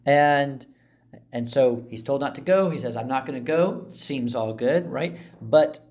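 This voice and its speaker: A man's voice: medium pitch, measured pace, darkish tone. A man in a mid-range voice explains a Bible passage as a teacher would. He talks casually and chattily, breaking up his sentences with asides and small fillers.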